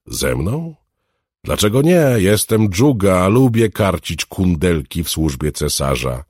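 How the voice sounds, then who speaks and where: A man's voice: low-pitched, big pitch swings, a little slow, darkish tone, husky, no echo, clean studio sound, voice pushed up, heavily acted. A man voicing an arrogant, scarred, muscular smuggler swordsman who mocks and provokes, in an audiobook reading. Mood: taunting. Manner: taunting, mocking.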